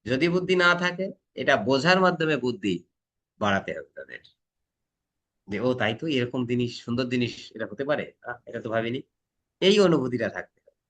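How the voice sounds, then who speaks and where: A man teaching a classroom lecture, demonstrating pronunciation with loud emphatic stresses and often asking students if they follow. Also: mid-range voice, expressive, brisk, long pauses.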